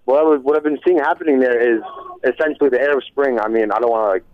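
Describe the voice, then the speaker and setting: A young college-age man on a call-in radio show, pressing his point with rapid, urgent passion. His voice comes through a thin, phone-like line. The sound is dry and close. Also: mid-range voice, no room sound. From United States. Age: young adult. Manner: fast, urgent, passionate arguing. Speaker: caller.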